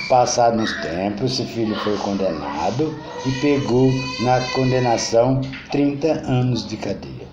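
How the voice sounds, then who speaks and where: A man telling a moral parable as political commentary, in plain, repetitive storytelling with restarts. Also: medium pitch. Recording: dull roomy recording with faint noise.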